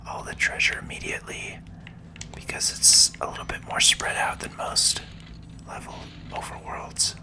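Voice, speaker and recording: Over a video game playthrough, a host whispers gentle, unhurried ASMR commentary in a soft, breathy, soothing voice.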